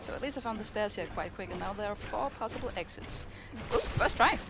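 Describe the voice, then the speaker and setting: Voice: mid-range voice, brisk, very noisy. A speedrunner talking casually through their own run on livestream headset audio, explaining tricks with small fillers. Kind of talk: live speedrun commentary. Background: loud game music.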